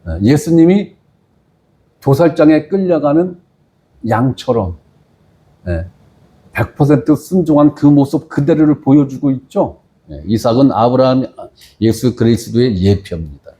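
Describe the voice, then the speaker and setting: A man preaching a sermon as pastor, reading scripture slowly and often asking the congregation questions. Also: lively intonation, warm tone. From maternal family from the Jeolla region. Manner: asks the congregation questions and repeats phrases; reads scripture slowly and lower.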